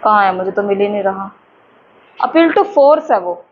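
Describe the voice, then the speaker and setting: A woman teacher, lecturing a class and slowly dictating terms for notes in a chatty way. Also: mid-range voice, lively intonation. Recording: dull lo-fi with faint background noise.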